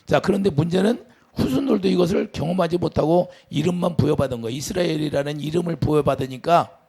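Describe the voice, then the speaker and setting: Gravelly Korean pastor preaching. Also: male voice, on the high side, fast talker, darkish tone. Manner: preaching with sudden rises and drops, asks the congregation questions. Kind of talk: sermon.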